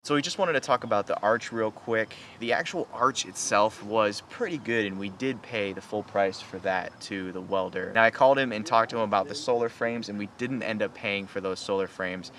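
Fairly quick and with hardly any pauses, a somewhat low, slightly bright voice belongs to an American vlog host in his thirties. He talks casually to camera aboard a sailboat in a boatyard, and ambient outdoor noise is audible in the recording.

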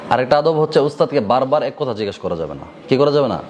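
A man's voice: medium pitch, fast. A man with a colloquial Bangladeshi Bengali accent teaching madrasa students a moral lesson, repeating each point back to them as a question. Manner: quizzes listeners with repeated rhetorical questions. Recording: steady background noise.

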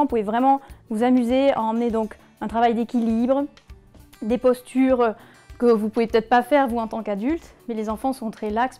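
Guiding kids through a yoga class, this young teacher's voice sits high as she offers playful, gentle encouragement.

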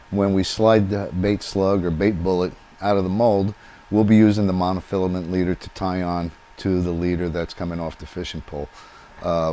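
In his home workshop, a DIY channel host works at the bench and narrates every step of a hands-on how-to demonstration. His voice is deep with a dark tone.

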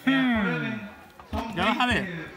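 A man's voice: high-pitched, very animated, very slow. A man from El Salvador with a Salvadoran accent, a boisterous, slangy vlogger talking with a spoon at his lips at an outdoor food festival. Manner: boisterous, slangy, hyping the audience. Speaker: vlogger host. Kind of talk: casual food vlog. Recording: loud festival crowd behind. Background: crowd chatter.

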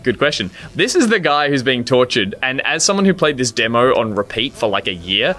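Animated man coaching a video game player. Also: mid-range voice, fairly quick. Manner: animated, playfully instructive. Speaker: gaming show co-host guiding a player. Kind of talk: casual let's play chat and coaching. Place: small furnished indoor studio. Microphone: close microphone on a boom arm. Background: video game music.

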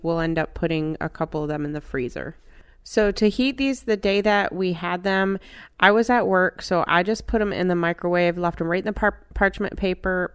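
A middle-aged woman narrating her home cooking step by step in a relaxed, chatty way. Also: on the low side, smooth. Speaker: cooking channel host.

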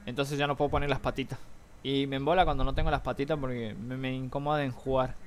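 Excitable young Argentine man vlogging. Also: mid-range voice, fast. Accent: Argentine Spanish. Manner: excitable storyteller, mimics noises and shouts. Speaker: gaming vlogger. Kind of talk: casual chat to viewers. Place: room at home with a fan running. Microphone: cheap desktop mic. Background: faint fan hum.

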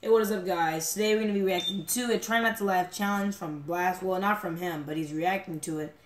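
A man's voice: sits high, steady tone, fairly quick, noisy background. A man casually introducing a reaction video to his viewers in an easygoing way. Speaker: YouTube reaction host. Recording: echoey room with music behind.

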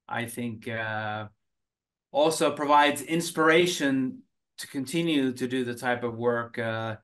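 A middle-aged man from Finland, a cancer researcher and oncologist, answering interview questions in a measured way over a video call from a home office, with many filler sounds and restarts. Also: mid-range voice, fairly bright tone.

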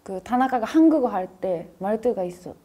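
Japanese-accented young woman speaking halting Korean. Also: medium pitch, animated, mellow. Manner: halting, simple non-native phrasing. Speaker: interviewee in a reaction video. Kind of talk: casual chat.

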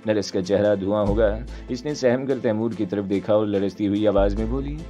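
A man narrating a thriller novel in the first person with steady, measured storytelling. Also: on the low side. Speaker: audiobook narrator. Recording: dull lo-fi sound, faint music behind.

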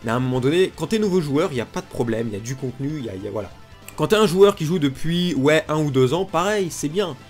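Talking fast and animatedly, a man with a fairly high, darkish voice delivers unscripted gaming commentary as a video creator. Pollen allergy has him congested and nasal, his tone is bluntly complaining and informal, and music runs in the background.

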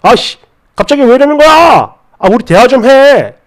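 A blunt, pushy young boyfriend with a high voice that whines and insists, as a male storyteller puts him on. The lines jump around in pitch and stay clingy from start to finish. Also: sing-song, normal speed. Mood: pleading.

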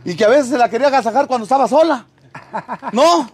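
High-voiced joking Mexican man. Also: animated, quick pace, husky. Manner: jokey, reads out viewer greetings. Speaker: vlogger visiting an elderly man. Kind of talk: casual teasing chat.

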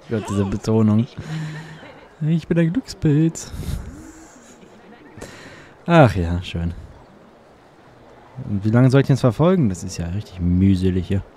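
A man's voice: fairly low pitch, animated, normal speed, long pauses, warm tone. Grumbling, sarcastic let's play guy. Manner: chatty, sarcastic, grumbling at the game. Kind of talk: casual gameplay commentary.

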